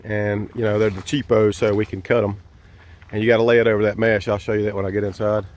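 A man's voice: on the low side, little pitch movement, fast talker, darkish tone. A man giving a casual, folksy walkthrough of his campsite and tent, filmed on a handheld camera as he walks. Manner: easygoing, folksy, hesitant with fillers. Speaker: vlogger giving a campsite tour. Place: campsite outdoors and inside a large tent. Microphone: handheld camera mic, filming himself walking.

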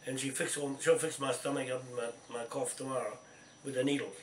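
In a cluttered indoor room, an older New Zealand man speaks on speakerphone to organise his group, and a camera across the room records the roomy, distant audio with faint noise. His medium-pitched voice is flat and a little fast, hoarse and interrupted by coughing. He's confident but repetitive, restarting often during the casual chat.

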